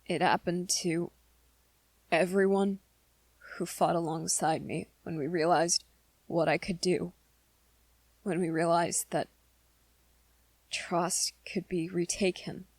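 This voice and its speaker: A woman voices a shy, earnest young male werewolf who is lovestruck, in an ASMR romance roleplay. Her delivery is soft, halting and hesitant, guilty and pleading, on the low side with a steady tone and no echo.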